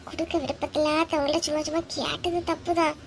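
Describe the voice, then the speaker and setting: A woman's voice: high voice, little pitch movement, gravelly, slight background noise. A woman voicing a fretful, touchy village housewife in a cartoon comedy, grumbling and snapping back in a Kanyakumari Tamil accent. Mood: worried. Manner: grumbling, quick to snap back. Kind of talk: comic cartoon dialogue.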